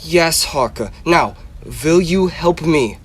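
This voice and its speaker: Young man acting Van Helsing, solemn high-voiced vampire hunter. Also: animated, slow pace, breathy edge, heavily acted. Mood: grave. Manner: emphatic, solemn, declamatory. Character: grave, insistent male professor and vampire hunter. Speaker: actor in a school radio drama. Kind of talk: theatrical radio drama acting.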